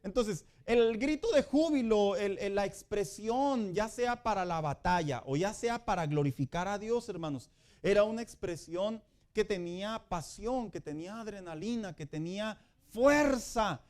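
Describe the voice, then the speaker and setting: A middle-aged pastor gives a Sunday school sermon. He talks to his listeners as brothers and sisters and jokes as he goes. His voice sits high for a man. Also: measured pace. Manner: lively, joking preacher addressing "hermanos".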